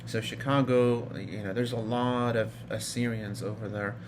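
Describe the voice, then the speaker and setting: Speaking fairly low with a fairly even intonation and moderate pace, a thirty-something man from Iraq recounts his own story vlog-style. His casual, rambling telling is full of fillers and restarts, set against a noisy background.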